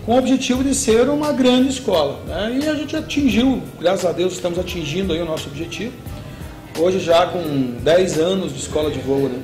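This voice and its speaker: A man's voice: sits high, a little fast, reverberant, music in the background. A middle-aged man from Brazil, the owner of a paragliding school, explaining steadily in an interview and tagging his sentences with "né". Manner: steady explaining with frequent "né" tag questions. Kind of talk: interview answers. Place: indoor shop room with shelves.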